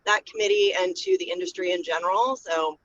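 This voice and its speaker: A woman's voice: fairly low pitch, lively intonation, fairly quick. A woman calling in from her car over a phone speaker, thanking the guest on a video call. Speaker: panel attendee. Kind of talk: casual remark on a video call. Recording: muffled car speakerphone with road noise.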